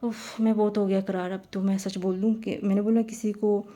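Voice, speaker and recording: A woman's voice: mid-range voice, level tone, warm tone. A woman telling a personal story in a casual, rambling way, often repeating her phrases.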